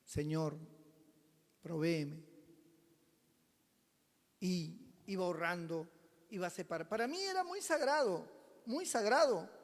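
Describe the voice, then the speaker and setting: A pastor with a strikingly high voice tells his testimony to the congregation, swinging from booming to hushed. His words ring out through the long echo of a church hall. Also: animated, normal speed. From Peru. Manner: dramatic storyteller, swings between loud and hushed. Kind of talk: sermon with personal testimony. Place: church sanctuary.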